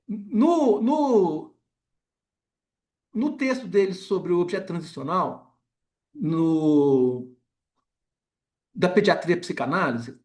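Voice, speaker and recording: A man with a Brazilian accent giving an academic lecture, pausing often and filling gaps with short filler words and tag questions. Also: sits high.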